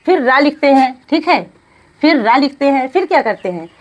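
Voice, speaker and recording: High, lively woman teaching a lesson. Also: moderate pace, recorded from a distance, muffled recording. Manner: asks questions and answers them herself; repeats key terms, checks in with "ठीक है". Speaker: Hindi grammar teacher. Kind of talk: classroom lesson.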